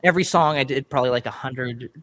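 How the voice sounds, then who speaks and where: A man's voice: mid-range voice, fast talker, fairly bright tone. A man talking in a casual, rambling chat, full of fillers and restarts. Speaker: musician and host.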